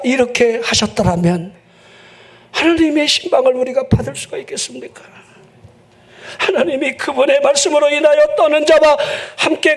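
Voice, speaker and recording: A man pastor with a Chungcheong accent preaching a sermon in a church, joking with the congregation and breaking into shouts. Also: very high voice. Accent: Chungcheong Korean. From Chungcheong, South Korea. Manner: joking, animated, bursts into shouting. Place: church sanctuary.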